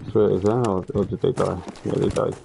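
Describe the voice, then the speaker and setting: A man's voice: low-pitched, fairly even intonation, fast talker, vocal fry, background noise. A man chatting casually with his squad in an online game, repeating short callouts.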